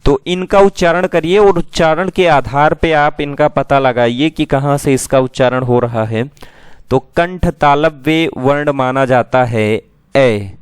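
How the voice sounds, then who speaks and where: A male teacher working through an exam-prep lesson at an unhurried, measured pace, asking a question and then giving the answer himself. His voice sits a little high and sounds smooth and crisp. The recording is dry and close. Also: no echo. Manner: slow and drawn-out, asks questions then answers them.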